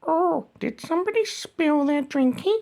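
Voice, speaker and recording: A woman with a high, light voice playing a fawning servant in comic back-and-forth. She sounds eager and childlike, deferential on the surface but slyly teasing. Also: expressive, moderate pace, vocal fry, darkish tone. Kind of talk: comic banter.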